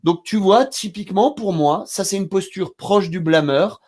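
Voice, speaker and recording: French male trainer, slightly high voice, animated storyteller in relaxed talk. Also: moderate pace. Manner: animated storyteller, acts out scenes loudly. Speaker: therapy trainer. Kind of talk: casual discussion between therapists.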